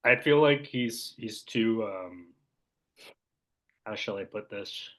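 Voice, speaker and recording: Bright-voiced teasing young man. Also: on the low side. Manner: teasing, quick comebacks. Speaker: podcast co-host. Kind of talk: casual podcast banter.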